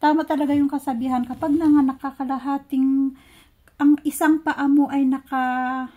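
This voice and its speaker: A woman talks to her viewers in a relaxed, chatty vlog, her voice high but soft and mellow. She often stops to hunt for a word before carrying on. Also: moderate pace. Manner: chatty, searching for words with many fillers. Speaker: vlogger. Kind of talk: casual storytelling.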